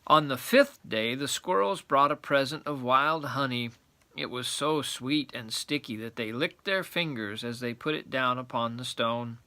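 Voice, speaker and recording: A man's voice: mid-range voice, measured pace, bright, forceful tone, smooth. A man narrating a children's storybook aloud in a grandfatherly storytelling manner.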